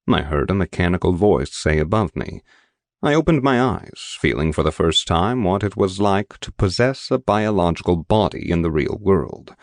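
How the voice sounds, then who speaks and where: A man with a very low voice narrates an audiobook in the first person. His delivery is measured and steady, with slow deliberate phrasing. The recording is close and dry, with no room sound at all. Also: dry recording. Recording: dry, dead studio sound.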